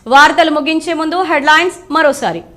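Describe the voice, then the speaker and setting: A woman news anchor reading headlines in a measured, formal newsreading manner. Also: sits high, bright, forceful tone.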